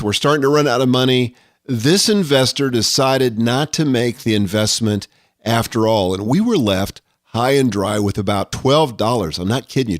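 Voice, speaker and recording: A middle-aged man talks through a solo podcast episode in an earnest, reflective way, sometimes reading quotations aloud. His voice sits at an ordinary pitch. The recording is close and dry, with no room sound. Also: dry recording. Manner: earnest, reflective, quotes scripture. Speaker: podcast host. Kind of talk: solo podcast monologue on leadership.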